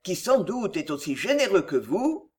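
A stern, pompous old country rector from a storybook, lecturing with indignant moral weight, as a reader puts him on. His pitch swings widely as he sermonizes. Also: sing-song, moderate pace, darkish tone, natural voice. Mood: sermonizing.

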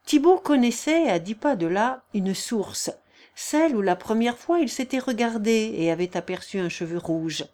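A woman narrating a classic novel aloud in a measured, expressive storytelling voice. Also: a little high. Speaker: audiobook narrator.

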